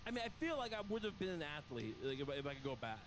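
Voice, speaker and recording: Man, high voice, rapid speech, casual comedic chat, rambling, self-deprecating, noisy ambience. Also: sing-song.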